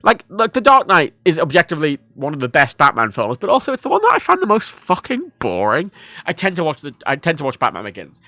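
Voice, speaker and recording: A drunk male streamer, born in Ireland and raised in England, rambling loosely and cursing freely. His voice is bright and sharp, with a pitch that swoops up and down all the time. The sound is dry and close, with no room around it. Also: huge pitch swings, fast, no echo. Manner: self-deprecating, swears a lot, rambling. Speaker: livestreamer. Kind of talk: casual rambling stream chat.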